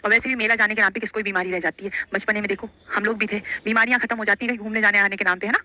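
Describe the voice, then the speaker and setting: Her mid-range voice is bright and forceful, with a steady tone and a rapid-fire pace, as she teaches a live online Hindi grammar exam class question by question. She repeats phrases, checks in with students and addresses them with casual endearments.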